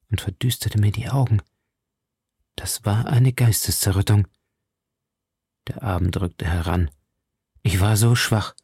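A man voicing a proud, wronged noblewoman who pleads and accuses with intense drama, dropping into hushed whispers at times. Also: fairly low pitch, slightly rough, no echo, clean studio sound, heavily acted. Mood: grieving.

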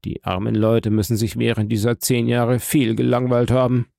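A man's voice: mid-range voice, little pitch movement, moderate pace, vocal fry, warm tone, no echo, studio quality, close to an everyday voice. A man voicing a humble, eager old prison guide in an audiobook, speaking in a deferential, wondering way. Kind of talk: audiobook character reading.

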